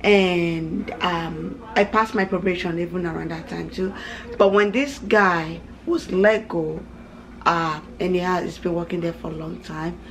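A woman in her thirties with a fairly low voice talks casually to a camera held at arm's length in her small home kitchen, repeating words and wandering into asides. She is a mother who makes family vlogs. The recording is rough, with a little hiss or hum.

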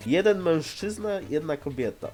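A man's voice: fairly high pitch, animated, normal speed, a little mellow, soft background music. A man with a slightly stuffed-up, nasal voice giving casual, blunt and sarcastic reaction commentary. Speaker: host of a reaction video.

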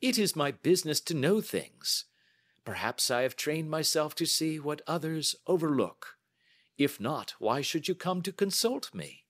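Guy reading as a confident sleuth man, raised lively voice, very analytical, storybook dialogue, dry close sound. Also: a little high, unhurried, no echo, voice pushed up, full character voice. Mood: amused, assured. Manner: assured, analytical, pronouncing. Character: brisk, self-assured male detective, keenly observant. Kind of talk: audiobook character dialogue.

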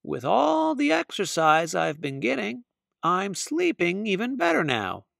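A man's voice: high-pitched, huge pitch swings, measured pace, vocal fry, a bit bright, dry recording, studio quality, pitched above the performer's own voice, heavily acted. A man voicing a cheerful young female bunny in a storybook, sweet and eager.

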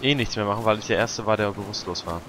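A man talking low-key while playing a game with friends, often mumbling and trailing off. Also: steady tone, very fast, fairly bright tone, a little hiss or hum. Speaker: gamer. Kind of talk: casual gameplay chat.

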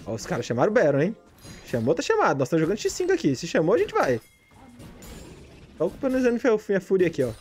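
A man from Brazil, a gaming streamer giving excited, jokey commentary as he plays, repeating his callouts and shouting at big plays. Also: high-pitched, fast talker, pauses often, soft background music.

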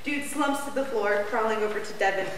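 Reading scripted stage directions aloud, a young woman speaks briskly in a mid-range voice during a casual table read. The seated group is in an indoor lounge whose echo produces long reverb, and the recording is very noisy.

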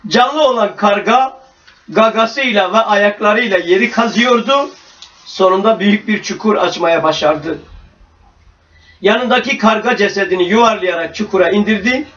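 A man's voice: sits high, normal speed, a bit bright. A man telling a religious story to children and drawing its moral, dramatic and acting out the cries in the tale. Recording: roomy, distant, dull lo-fi recording.

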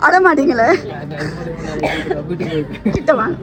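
Brief: Sri Lankan Tamil woman, very high and lively voice, playful coaxing presenter, music and crowd behind. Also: slow pace. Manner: coaxing, questioning, playful teasing. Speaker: surprise delivery presenter. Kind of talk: lively on-the-spot chat with a family.

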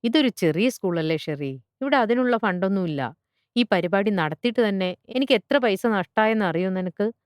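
A woman's voice: mid-range voice, expressive, moderate pace, no echo, clean studio sound, close to an everyday voice. A woman reading a story aloud and voicing a weary woman schoolteacher who coaxes and persuades. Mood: coaxing. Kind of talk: storybook character voice.

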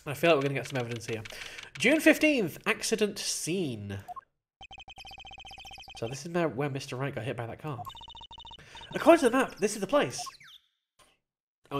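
With slight background noise behind them, a gamer doing a let's play reads dialogue out loud and reacts to the game. They're playful, jumping into higher voices for the characters.

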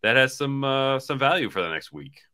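A man in his forties co-hosts a sports podcast over a laptop video call from a small indoor hotel room, rambling casually through postgame chat. His mid-range voice is animated, sharp in tone, and smooth, moving at a moderate pace.

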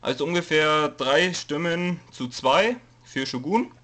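A young man with a cold talks a little high and a little slow, his voice pushed and bright. He's a YouTube let's player doing a casual, rambling channel update, reading from a note with hesitant delivery, frequent fillers, and jokes throughout.

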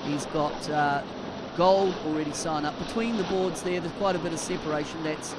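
A man giving expert live commentary on a sailing race, explaining technique with frequent halting restarts. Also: fairly high pitch, fairly even intonation, heavy background noise.

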